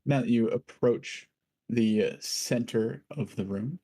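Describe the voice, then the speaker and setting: A man narrating a tabletop game as game master in a deliberate, descriptive way. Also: medium pitch, dark tone, breathy edge, no room sound.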